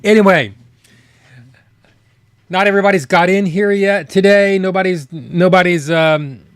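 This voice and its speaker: A man's voice: high-pitched, unhurried, smooth. A man hosting a live stream in a casual, rambling, chatty way, talking directly to his viewers. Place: home studio.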